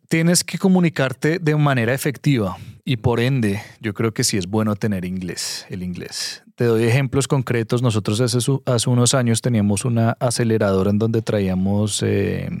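A man's voice: fairly low pitch, normal speed, a little mellow, dry recording, clean studio sound. A man, a guest on a podcast, talking earnestly and emphatically as he gives direct advice. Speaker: guest investor. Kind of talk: conversational podcast interview.

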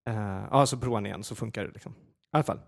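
A man telling a personal story in a casual podcast chat, animated and full of fillers and restarts. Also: on the low side, vocal fry.

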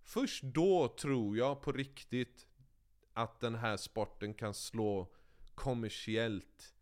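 This man talks with a smooth, resonant voice at an ordinary middle pitch. He spins a cocky, foul-mouthed story in a loose, conversational way and keeps the momentum going. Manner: lively, profane, boastful storytelling. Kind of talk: casual chat, animated storytelling.

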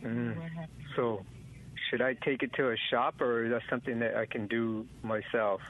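A man's voice: medium pitch, flat delivery, normal speed. A man calling into a radio show over the phone, asking a question in a hesitant, polite way. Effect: heard over the phone. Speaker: caller. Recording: tinny phone line, faint hiss.

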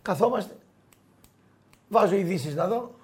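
A middle-aged man telling anecdotes in a casual chat, animated, quoting people and laughing often. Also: sits high. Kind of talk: casual storytelling.

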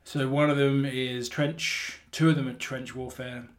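Man hosting from a flat's hallway. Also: mid-range voice, a little slow. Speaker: podcast host. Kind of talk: casual hobby chat. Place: hallway of a flat.

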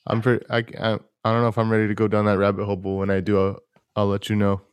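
A young man hosting a casual sneaker podcast, talking in a rambling, laid-back way with a fairly monotone voice. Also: lowish voice, racing, clear, resonant tone, dry recording. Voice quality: self-described monotone voice. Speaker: podcast host.

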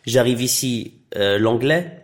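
Speaking slowly in a mid-range voice, this man in his thirties chats casually as an interview guest, restarting often and leaning on fillers. He's an actor and director of Iraqi heritage whose first language is Arabic, and he grew up in Tunisia and Belgium.

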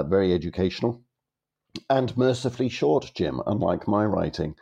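A man's voice: extremely low pitch, warm tone. A man hosting an economics podcast, explaining in long turns with wry asides. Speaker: podcast host.

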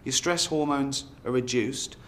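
An actor playing an awkward middle-aged office boss posing as a motivational speaker, with forced cheerfulness and fake laughter. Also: male voice, mid-range voice, a bit bright, a little hiss or hum, close to an everyday voice. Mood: forced cheer.

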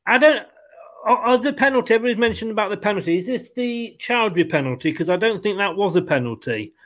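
A man's voice: high voice, animated, fast. A man hosting a fan football show, chatting casually in an apologetic, talkative way.

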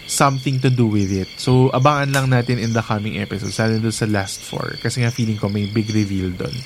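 A man's voice: lowish voice, brisk, background noise. A man with a Filipino accent co-hosting a podcast, chatting casually and mixing Tagalog with English. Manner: animated, mixes Tagalog and English. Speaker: podcast co-host. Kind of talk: casual chat about a TV series.

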